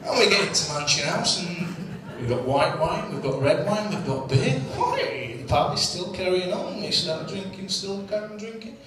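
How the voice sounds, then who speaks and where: A man's voice: high-pitched, animated, normal speed, hardly any pauses, a crowd in the background. A man telling cheeky comic stories from his cricket days at an after-dinner event, heard from a distant mic. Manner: cheeky, comic storytelling with punchlines. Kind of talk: anecdotal after-dinner storytelling. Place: function room. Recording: distant mic in an echoey room with faint ambience.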